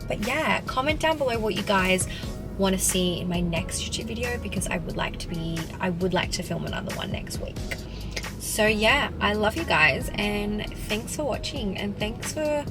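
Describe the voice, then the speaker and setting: A young Australian woman in her twenties, a fitness vlogger, answers viewer questions to camera in a casual Q&A, chatty and peppered with "like." Her voice is mid-range, and background music plays underneath the recording.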